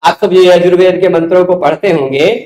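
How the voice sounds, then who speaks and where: Guy teaching grammar, pretty high voice, keeps asking "right?", echoey room. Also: steady tone, a little fast, darkish tone. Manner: explains step by step, checks in with "ठीक है" and "है ना". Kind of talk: lecture.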